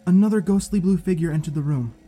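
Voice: mid-range voice, fast, warm tone, husky, soft background music, close to an everyday voice. A performer playing a spirited, sarcastic youngster who narrates an audio drama in an informal, candid way. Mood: tense recounting.

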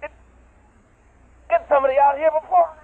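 A man's voice: extremely high pitch, fairly even intonation, fairly quick, gravelly. An actor playing a male field captain on a recorded field transmission in a 1950s radio drama. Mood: panicked. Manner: casual, then screaming in panic. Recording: dry tinny old radio sound.

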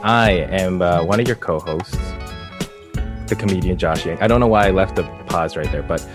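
A man co-hosting a podcast in casual chat, with a monotone, flat delivery. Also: low voice, moderate pace, over music. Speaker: podcast co-host, comedian.

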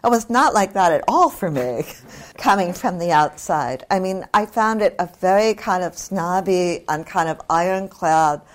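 Older female author from New Zealand, mid-pitched, conversational, candid, discursive literary talk. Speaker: author, guest speaker.

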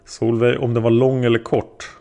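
A man reading the questions of a patient female interrogator, gently probing a witness. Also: mid-range voice, little pitch movement, lightly acted. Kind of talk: read-aloud interrogation transcript.

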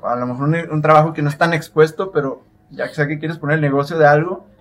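A man with a slightly high voice co-hosts the chat. He asks long, thoughtful questions at an even pace. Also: fast talker. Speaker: podcast co-host. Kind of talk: casual interview chat.

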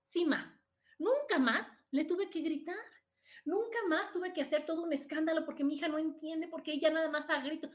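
A woman's voice: high-pitched, fairly quick. A middle-aged Mexican woman hosting a podcast, giving chatty, casual advice to her live listeners and often checking in with "¿no?". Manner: chatty, tags "¿no?" after points. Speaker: podcast host.

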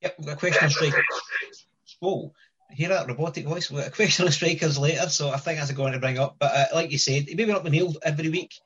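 A man's voice: a little high, racing, few pauses, a bit bright, slight background noise. A man hosting a casual fantasy football podcast, chatty and steering the talk between co-hosts. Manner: chatty, leads the discussion and hands over to co-hosts. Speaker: podcast host. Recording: lo-fi dull audio.

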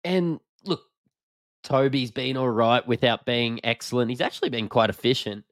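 Male podcast host, broad Australian accent, informal sports banter, mid-pitched, dry recording. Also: normal speed, no echo. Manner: informal, matey, slangy. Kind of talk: casual basketball analysis chat.

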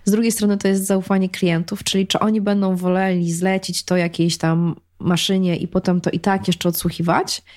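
A woman's voice: on the low side, level tone, moderate pace, few pauses, a little mellow. A woman speaking as a podcast guest in casual conversation, engaged and talkative, often restarting phrases.

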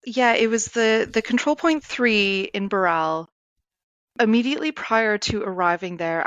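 A woman's voice: mid-range voice, a bit bright, no room sound. A woman with a Canadian accent, talking as a podcast guest and telling her own story conversationally. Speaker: podcast guest, endurance athlete.

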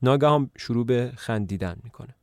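A man retells a play as a podcast narrator, in a calm, even storytelling voice. His pitch sits in the middle range. The sound is close and dry, with no room echo. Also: clear, resonant tone.

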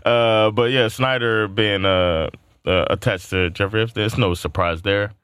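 A man's voice: on the low side, steady tone, unhurried, a bit bright, clean tone, no echo. A man in his thirties co-hosting casual chat, rambling with many fillers and restarts. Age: 30s. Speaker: podcast co-host.

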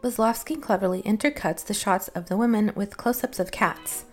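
A woman reading scripted narration for a film history essay in an articulate, measured way. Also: mid-range voice, a little mellow. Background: music under the voice.

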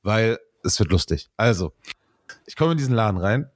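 Man, lowish voice, casual slangy storytelling, laughs a lot, dry close sound. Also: expressive, normal speed, dry recording. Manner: laughs often, slangy street talk.

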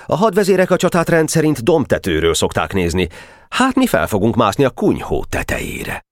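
A man's voice: medium pitch, huge pitch swings, dry recording, clean studio sound, voice pushed up. A man voicing a stern, commanding teenage boy general in an audiobook, giving clipped, rousing orders. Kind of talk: audiobook character voice.

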